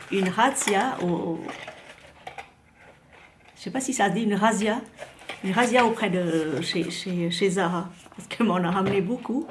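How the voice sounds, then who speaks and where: A woman's voice: mid-range voice, a little hiss or hum. A woman chatting casually to camera about perfumes, talking with many fillers and restarts. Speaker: vlogger reviewing perfumes.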